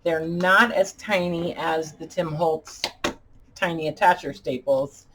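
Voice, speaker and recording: A woman chatting casually as a craft video host, halting and deliberate, her speech slightly impeded by dentures as if her mouth were full of peanut butter. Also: sits low, fairly bright tone, a little hiss or hum, low-quality recording. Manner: halting, deliberate, pausing often. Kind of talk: casual chat tutorial.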